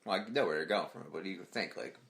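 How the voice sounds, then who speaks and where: A man co-hosting a casual podcast, talking excitedly, swearing freely and acting out quotes. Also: sits low, very fast, gravelly. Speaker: podcast co-host.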